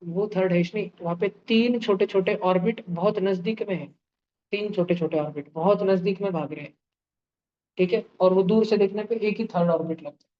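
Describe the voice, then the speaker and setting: During a live online class, a male chemistry teacher with a high-pitched voice explains concepts playfully, acting them out with sound effects and homely comparisons. He keeps firing quick questions at his students. The audio is dull and lo-fi, with slight background noise.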